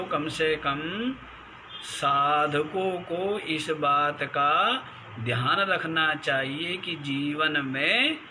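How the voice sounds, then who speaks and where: A swami with a high, lifted voice gives a slow, deliberate talk on scripture. He chants Sanskrit verses and stops often to ask his listeners questions. Clear room noise runs under the recording. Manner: asks the listeners rhetorical questions; scolding, mocking tone. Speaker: swami teaching the Gita. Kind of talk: spiritual discourse on scripture.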